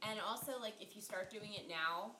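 A woman's voice: mid-range voice, a little fast, sharp tone, slight background noise, rough recording. A woman co-hosting a podcast in casual chat, teasing and emphatic. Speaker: podcast co-host.

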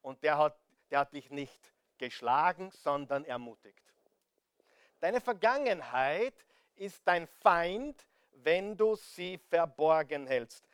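A man's voice: on the high side, expressive, slow, clean tone, dry recording, clean studio sound. A man with an Austrian accent preaching a sermon, talking directly to his listeners, asking rhetorical questions and urging them again and again to listen. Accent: Austrian German. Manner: direct, pleading, repeats appeals to listen; rhetorical questions, big swings in loudness.

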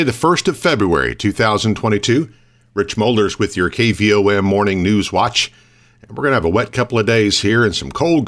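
A man's voice: lowish voice, a bit bright. An American man reading scripted local news as a radio morning host.

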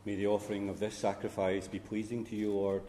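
A man, a priest, reciting funeral Mass prayers in a measured, solemn way, his voice ringing with cathedral echo. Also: fairly low pitch, flat delivery, a crowd in the background. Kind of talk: liturgical recitation. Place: large church. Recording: long reverb in a large church, faint ambience.

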